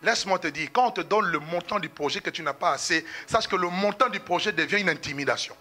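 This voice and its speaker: A middle-aged male pastor preaching a sermon in a church, fervent and breaking into shouts. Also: sits high, quick pace, soft background music.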